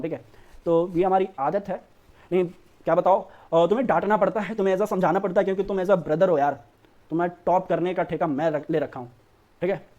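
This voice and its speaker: This is an online board-exam lesson in accounts from a commerce teacher whose voice is high and warm, heard through a muffled recording. He coaxes his students in a brotherly way and keeps repeating "theek hai."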